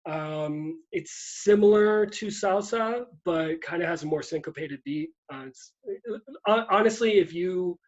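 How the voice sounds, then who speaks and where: A man's voice: high-pitched, a little slow, highs cut off. A man from Puerto Rico talking casually about books, rambling with many restarts and easy laughs. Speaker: guest writer.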